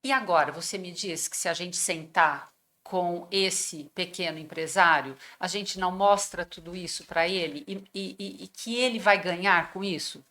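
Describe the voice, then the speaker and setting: Persuasive woman with a bright, lowish voice. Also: normal speed. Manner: persuasive, uses rhetorical questions. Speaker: guest mental health professional. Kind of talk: explanatory conversation.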